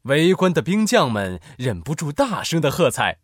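Animated male children's storyteller. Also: fairly high pitch, moderate pace, no echo, studio quality. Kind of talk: scripted narration of a children's story.

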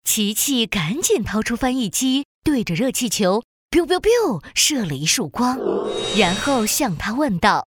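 A woman narrates a children's story in a fairly high, husky voice with very lively intonation. The delivery is scripted and animated, recorded close and dry. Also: unhurried, dry recording.

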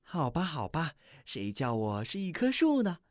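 A kind young deer from a children's storybook speaks softly and gently, as a reader puts him on. He gives in easily and sounds warm-hearted, with a lively, rising voice. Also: mid-range voice, moderate pace, no echo, studio quality, voice pushed up, close to an everyday voice. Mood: gentle. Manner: gentle, yielding. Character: kind, playful young deer posing as a tree.

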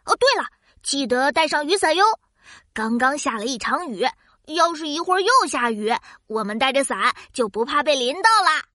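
A woman's voice: high-pitched, lively intonation, moderate pace, bright, forceful tone, no room sound, studio quality. A woman voicing a curious, cheerful, easily amazed child host in a children's science cartoon, with a childlike, exclaiming manner. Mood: cheerful, inviting. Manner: childlike, exclaiming, wide-eyed.

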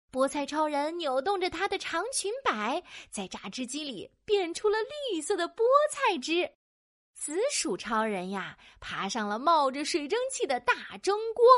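Animated woman narrating a children's story. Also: high-pitched, no room sound, studio quality. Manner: animated, playful, sound-effect words.

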